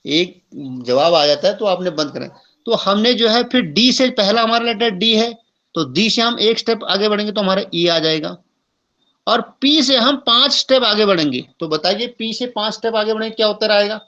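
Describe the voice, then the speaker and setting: A man's voice: high-pitched, animated, moderate pace, pushed and bright, dull audio. A man teaching an online class, asking students questions and prompting their answers.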